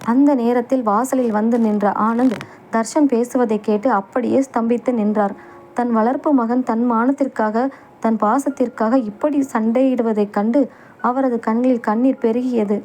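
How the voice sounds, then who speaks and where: A woman's voice: on the high side, steady tone, measured pace, mellow, a little hiss or hum, low-quality recording. Woman narrating an emotional family story. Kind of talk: first-person story narration.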